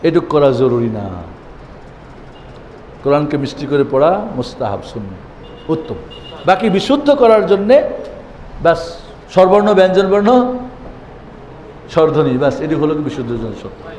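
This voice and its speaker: A man teaching Quran reading to a class, asking pointed rhetorical questions and chanting letters and verses in drawn-out tones. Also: on the high side, very animated, a little mellow. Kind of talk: classroom lesson. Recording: echoey room with long reverb, faint background noise.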